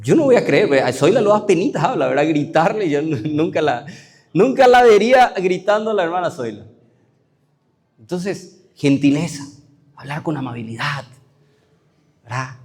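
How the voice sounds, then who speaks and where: A man's voice: on the high side, animated, normal speed, pauses often, darkish tone, husky. A man with a Paraguayan Spanish accent, a pastor preaching a conversational sermon full of rhetorical questions.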